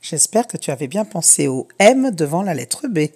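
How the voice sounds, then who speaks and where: A woman teaching a reading lesson to young children, giving slow, clear, encouraging instructions. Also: low-pitched, very animated, darkish tone. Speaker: primary school teacher.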